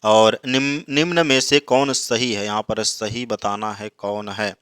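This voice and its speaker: A man's voice: on the low side, fairly even intonation, a bit bright, clear, resonant tone, dry recording, studio quality. A man teaching, reading each exam question and then explaining its answer. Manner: slow drawn-out recitation of verses.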